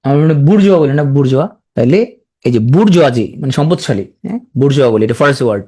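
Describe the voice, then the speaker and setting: A spelling teacher, who sounds out words slowly syllable by syllable and repeats them, with joking asides to a large class. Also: mid-range voice, lively intonation, mellow, husky.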